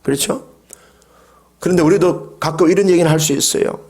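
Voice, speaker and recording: A middle-aged male pastor preaching a Sunday sermon. He moves from calm talk to loud, impassioned cries and leads the congregation in call-and-response. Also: on the high side, fairly quick.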